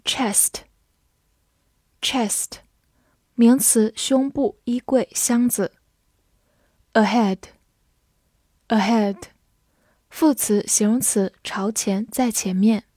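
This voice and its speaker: A woman reading an English vocabulary review. She says each word twice in a deliberate way, then gives its part of speech and meanings. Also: a little high, mellow, dry recording, clean studio sound.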